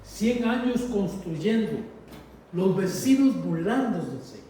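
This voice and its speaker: High-voiced man preaching slow, mellow tone, huge cathedral echo from far off. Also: expressive. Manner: slow, emphatic, repeats phrases and addresses listeners as brothers. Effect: heavy cathedral-like echo. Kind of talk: sermon. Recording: very echoey hall, voice from far off, faint noise.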